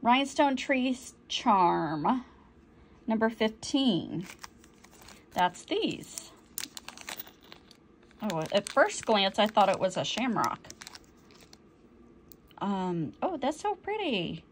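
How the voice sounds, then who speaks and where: A woman's voice: mid-range voice, very animated, extremely slow, pauses often, slight background noise. A woman chatting through an unboxing, easily delighted and often apologizing for slips. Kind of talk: casual unboxing chat.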